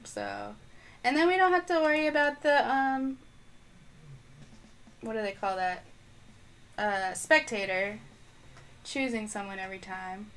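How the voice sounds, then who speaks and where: A woman with a rather high, slightly bright voice provides live gameplay commentary on stream. She chats casually, thinking aloud and responding to her viewers, her mic placed on the floor.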